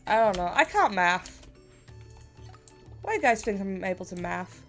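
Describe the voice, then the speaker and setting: A woman's voice: mid-range voice, quick pace, faint music behind. A woman streamer chatting casually and playfully while gaming, laughing often and sniffly with a stuffy cold.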